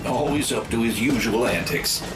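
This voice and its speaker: A man giving prerecorded, scripted attraction narration over a train loudspeaker, in a lively, theatrical manner. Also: medium pitch, moderate pace, background noise. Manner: lively, theatrical tour-guide delivery. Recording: distant loudspeaker with loud music.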